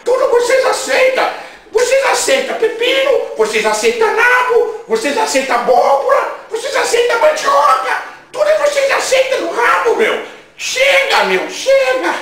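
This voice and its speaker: A man playing a brash, indignant comic radio host, shouting crude, mocking rants. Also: very high voice, very animated, unhurried, exaggerated voice. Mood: ranting. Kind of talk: comic rant. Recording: very echoey room, voice far from mic.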